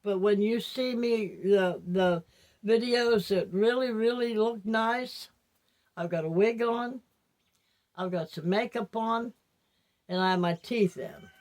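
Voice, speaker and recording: Older lady vlogging casually, talks real slow n rambly, no teeth in so words slur a bit. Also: mid-range voice, a little mellow. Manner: rambling, reflective, halting. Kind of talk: casual personal monologue to viewers.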